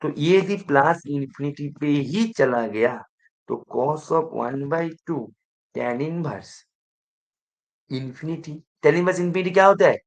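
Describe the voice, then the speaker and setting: A man's voice: a little high, lively intonation, slow. A man teaching math in an exam-prep lecture, who keeps quizzing the students and repeating his prompts to pay attention.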